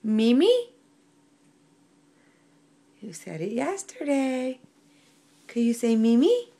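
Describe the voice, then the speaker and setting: A woman's voice: fairly high pitch, very animated, a little slow, dark tone, husky. A woman at home using sing-song baby talk, coaxing a toddler to say words for the camera. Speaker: parent filming a toddler.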